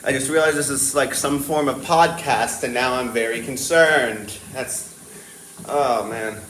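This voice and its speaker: A man's voice: medium pitch, a little slow, a bit bright. A teenage boy chatting casually to himself into a tablet, hesitant and stop-start, his train of thought wandering. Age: teenager, born around 2010. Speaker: vlogger. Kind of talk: rambling casual solo chat. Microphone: talking to a tablet. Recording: echoey room with faint background noise.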